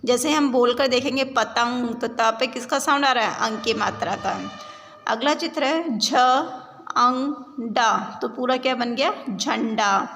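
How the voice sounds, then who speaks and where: A woman teaching a class of young children, sounding out words slowly, then asking and answering her own questions. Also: a little high, a bit bright. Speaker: primary school teacher. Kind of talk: online class lesson. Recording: roomy reverb, faint background noise.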